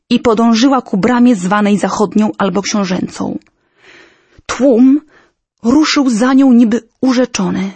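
A woman reading a historical story aloud in a measured, solemn, dramatic manner. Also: medium pitch, a little mellow, slightly rough, no echo. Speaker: narrator. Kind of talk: storybook narration.

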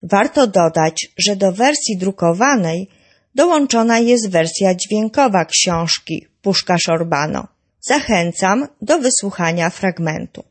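Brief: woman voice-over introducing a book, calm and informative, mid pitch. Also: unhurried, breathy edge. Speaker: book presenter. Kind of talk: scripted narration.

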